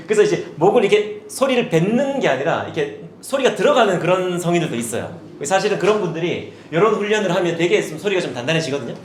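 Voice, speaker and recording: Talking fast with hardly any pauses, this man in his forties speaks in a high, sing-song voice as he presents a seminar to parents, now and then brightening his tone as if coaching kids. He is an education director, and the seminar hall sounds echoey with faint room noise.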